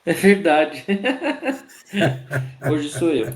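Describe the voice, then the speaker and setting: Male live host, hoarse from a cold, slow friendly delivery, roomy echo. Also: on the high side, big pitch swings, slight background noise. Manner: slow, friendly, greets viewers by name. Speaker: host of a spiritist live stream. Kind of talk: casual greetings to live chat viewers. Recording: echoey room.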